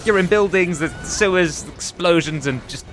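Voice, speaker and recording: Over background music, a high-voiced man speaks at a normal pace as he narrates a scripted countdown of five top games. His style is that of an emphatic presenter reviewing video games.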